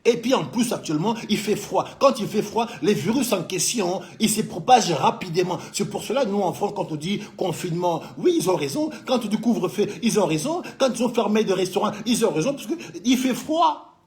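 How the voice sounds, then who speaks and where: A man's voice: high voice, lively intonation, brisk, darkish tone. A man from Congo who runs a business in France, giving heated political commentary and scolding a president he addresses directly. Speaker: business owner living in France.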